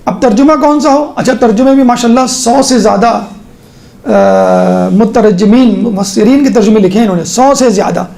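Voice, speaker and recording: A religious teacher explains things in a relaxed online lesson, in a voice with a noticeable creaky fry. The pitch sits in the middle range. The teacher often checks in with the listeners and slows into measured phrasing for recited verses. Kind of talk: casual online lesson with a screen walkthrough.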